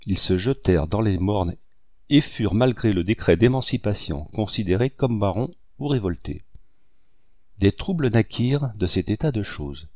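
A man reading a novel aloud in a measured, even narration. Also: fairly low pitch, no echo. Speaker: audiobook narrator. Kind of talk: scripted literary narration.

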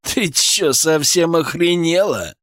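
A cocky young thug in a police uniform drawls his threats in a lazy, sneering way, as a male reader voices him. The menace is quiet and the pitch wanders widely. The sound is dry and close. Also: lively intonation, slow pace, no echo. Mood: menacing. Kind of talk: audiobook character voice.

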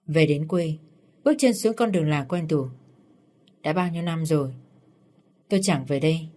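Low-voiced woman narrating a story. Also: moderate pace, darkish tone. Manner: reads every character herself, first-person narration.

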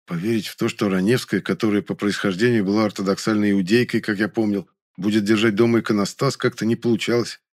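A man narrating a first-person story as an audiobook, telling it in a steady storytelling voice. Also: on the low side, fast, few pauses.

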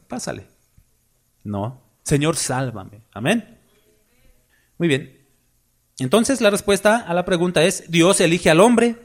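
A man preaching a sermon, emphatic and full of rhetorical questions to the congregation. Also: a little high.

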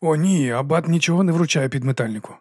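A man voicing a calm, quietly confident young monk who speaks in a measured way. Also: on the high side, no room sound, clean studio sound, pitched above the performer's own voice, close to an everyday voice.

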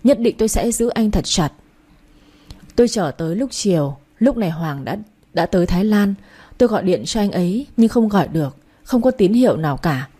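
Mellow woman storyteller. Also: medium pitch, expressive, fairly quick, husky. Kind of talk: first-person story reading.

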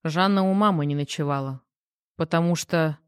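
A woman's voice: low voice, moderate pace, clear, resonant tone, no echo, clean studio sound, close to an everyday voice. A woman reading the part of a rattled, irritable grown man who answers curtly in an audiobook. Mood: defensive. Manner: curt, defensive replies.

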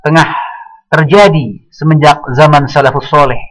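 A man giving a religious study lecture, speaking in a measured way and quoting Arabic passages. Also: fairly high pitch, steady tone, fairly bright tone, rough recording. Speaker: Islamic teacher.

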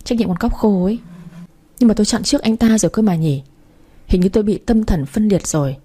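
A woman's voice: medium pitch, fairly quick, warm tone, breathy edge. A woman reading a first-person story aloud as an audiobook narrator, voicing the other characters' lines in her own voice. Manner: reads dialogue of several characters in her own voice.

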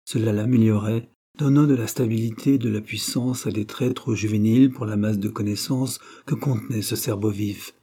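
A man's voice: steady tone, normal speed, hardly any pauses, warm tone. A man reading a detective story aloud as an audiobook narrator, lifting his voice for the characters' lines. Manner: raises pitch and volume to voice the characters' quoted lines.

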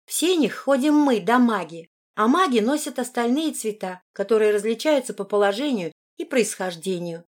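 A woman voicing a haughty, sharp-tongued teenage girl student who talks in a blunt, condescending way. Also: a little high, expressive, moderate pace, few pauses, voice pushed up, lightly acted. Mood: explaining.

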